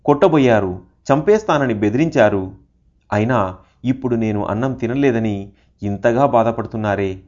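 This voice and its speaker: A man's voice: medium pitch, darkish tone, lightly acted. A man voicing a stubborn, devoted disciple who pleads insistently with his master. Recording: dull lo-fi recording.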